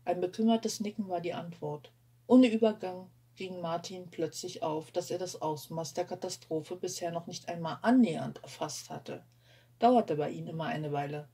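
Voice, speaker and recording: A woman reading a novel aloud in a lively, expressive way. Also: fairly low pitch, moderate pace, slightly rough. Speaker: audiobook reader.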